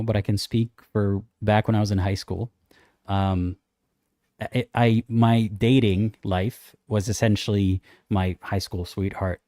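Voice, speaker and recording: Measured young man hosting a livestream. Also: on the low side, warm tone, no echo, clean studio sound. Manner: thoughtful, measured, reads comments aloud. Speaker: livestream co-host reading chat. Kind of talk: casual livestream chat.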